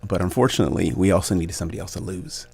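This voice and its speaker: A man in his forties, a basketball coach, speaking as a guest in a radio interview, thoughtful and grateful, laughing easily and pausing with many fillers. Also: low voice, vocal fry, darkish tone, faint music behind. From Canada.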